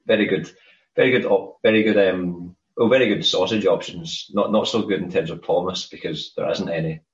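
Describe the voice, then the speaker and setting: A Scottish man co-hosts a podcast in a deep, fairly quick voice, chatting casually and rambling, often repeating words as he starts a thought. The recording sounds roomy, dull and lo-fi.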